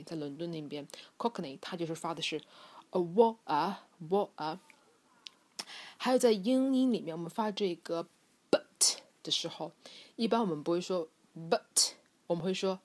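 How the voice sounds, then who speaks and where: A woman giving a bilingual pronunciation lesson and stretching each example word out slowly as she demonstrates it. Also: fairly low pitch. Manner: slow, drawn-out demonstration of example words; explanatory, with frequent filler sounds. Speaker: English pronunciation teacher.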